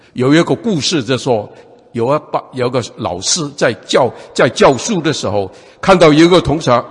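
Preaching a sermon full of repeated fillers and restarts, a man speaks in a slightly husky voice that sits a little high for a man and swings widely in pitch. A long reverb trails after him, like in a large hall.

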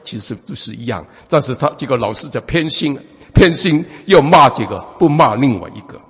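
Husky preacher man in an echoing hall. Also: medium pitch, fairly quick. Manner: lively preaching, many repeated fillers and restarts. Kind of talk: sermon. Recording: long hall reverb.

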